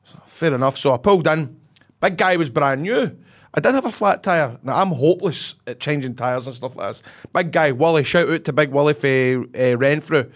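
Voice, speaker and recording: Broad Scottish man, higher-pitched voice. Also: normal speed. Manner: colloquial, sweary storytelling with acted-out dialogue. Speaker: podcast host. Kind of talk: ranting comic anecdote, casual chat.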